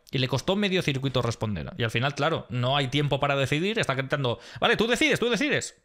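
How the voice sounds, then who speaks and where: A man's voice: mid-range voice, a bit bright. A man hosting a post-race analysis vlog, retelling events in an emphatic, exasperated way. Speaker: motorsport vlogger.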